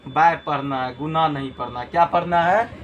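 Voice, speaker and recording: A man's voice: on the high side, moderate pace, lo-fi sound, slight background noise. A man teaching a math lesson, repeating key terms and asking rhetorical check questions. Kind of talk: classroom lesson.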